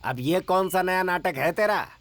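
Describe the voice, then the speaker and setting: A man dubbing an ageing, cowardly henchman in a Hindi film, gruff and blustering. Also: sits high, normal speed, fairly bright tone, no echo. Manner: gruff blustering, whiny when scared.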